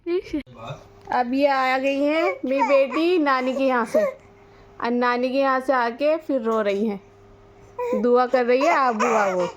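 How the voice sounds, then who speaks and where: A woman's voice: high-pitched, slow, lo-fi sound. A young mother coaxing her baby twins in sing-song baby talk, repeating their pet names.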